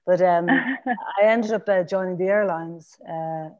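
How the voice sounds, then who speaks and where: Over phone-quality sound, a woman in her fifties from Ireland speaks with a Dublin accent as a podcast guest in a casual interview. Her lowish voice is a little slow, and she rambles with restarts and fillers.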